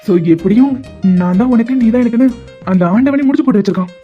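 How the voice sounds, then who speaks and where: A persistent young man, voiced by an actor, in an animated love story, who teases the woman he calls his wife and will not leave. He speaks at a middle pitch. The sound is muffled and lo-fi, with soft music underneath. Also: fast talker, lightly acted. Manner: teasing, stubborn, calls her pet names. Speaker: male lead. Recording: dull lo-fi audio with faint music.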